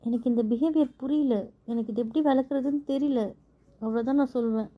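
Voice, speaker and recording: A woman's voice: sits high, fairly even intonation, a little fast, narrow, tinny audio. A woman playing a hurt, furious young wife who refuses her husband again and again, in an amateur audio drama. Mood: aggrieved. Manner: defiant, repeats her refusals, turns pleading with her brother.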